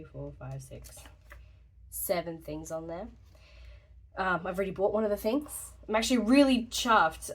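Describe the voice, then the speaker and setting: A young woman with a mid-range, slightly bright voice that sounds a bit congested rambles casually through a vlog update. She's a journaling YouTuber, chatty and laughing often.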